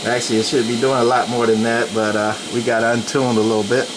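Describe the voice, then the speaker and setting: Speaking quickly in a mid-range voice, this man narrates a hands-on gear demo as a radio hobbyist, keeping it relaxed and straightforward. Behind him, the noisy room hums steadily with equipment.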